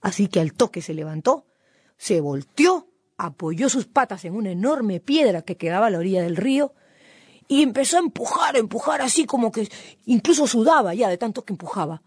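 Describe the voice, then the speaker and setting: Expressive woman telling a folk tale. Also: medium pitch, a little fast, breathy edge, no echo, studio quality. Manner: lively, expressive storytelling with repetition. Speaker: radio host and storyteller. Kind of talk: storytelling.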